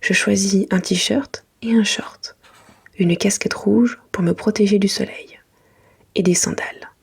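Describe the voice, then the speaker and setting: Woman whispering a children's story, very breathy. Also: mid-range voice, steady tone, unhurried. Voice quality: breathy, unvoiced. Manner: hushed library whisper. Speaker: storyteller reading bedtime stories for children. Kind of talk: soft whispered children's storybook reading, ASMR.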